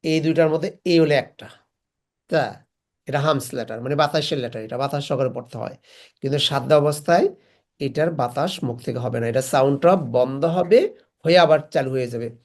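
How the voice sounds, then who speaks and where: A woman's voice: rumbling low, normal speed, a little mellow. A woman teaching Quran recitation in an online class, patiently repeating syllables aloud for students to copy. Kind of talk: slow online class instruction.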